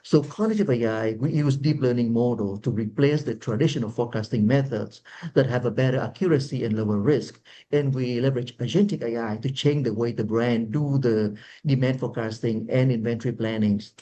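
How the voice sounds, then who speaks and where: A man's voice: mid-range voice, fairly quick, mellow. A man, a founder speaking on a webinar panel over a video call, explaining earnestly and repeating words as he searches for them. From Vietnam. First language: Vietnamese. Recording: dull, lo-fi video call audio.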